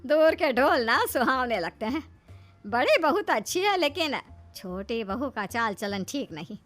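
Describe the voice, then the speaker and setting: A woman's voice: high voice, very animated, measured pace, soft background music, exaggerated voice. A woman voicing a scheming cartoon mother-in-law. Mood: complaining. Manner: sharp and scolding. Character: scheming, spiteful middle-aged mother-in-law. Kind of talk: cartoon voice acting.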